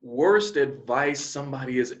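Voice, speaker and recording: A man from New Jersey who grew up in Arizona, a podcast guest talking in a relaxed, rambling way with many "you know" fillers. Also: mid-range voice, moderate pace, rough recording. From born in New Jersey, raised in Arizona. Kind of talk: casual interview.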